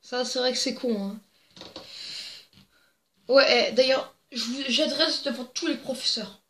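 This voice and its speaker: A woman's voice: on the high side, fairly bright tone. A young woman casually reading jokes to camera, giggly and rambling with crude asides, on a desk microphone. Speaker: joke-telling video host. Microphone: plugged-in desk microphone. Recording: echoey room.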